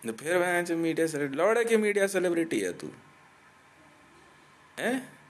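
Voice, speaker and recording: A man's voice: a little high, big pitch swings, moderate pace. A man from India delivering a profane ranting monologue, aggressive and taunting, swearing constantly and laughing between threats.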